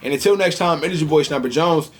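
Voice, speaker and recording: A man's voice: fairly high pitch, fast. A young man in a casual, slangy sneaker vlog, talking straight to his viewers, slightly slurred from freshly tightened braces. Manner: slangy, animated, addresses viewers directly. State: sore mouth from tightened braces, some slurring. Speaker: sneaker vlogger. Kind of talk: casual unboxing chat.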